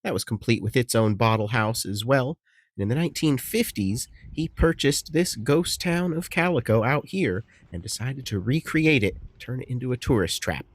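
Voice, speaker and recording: Relaxed, chatty male travel vlogger. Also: mid-range voice, moderate pace, husky, no echo. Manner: relaxed, chatty, easily impressed. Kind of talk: casual travel vlog narration. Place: desert campsite and caves outdoors.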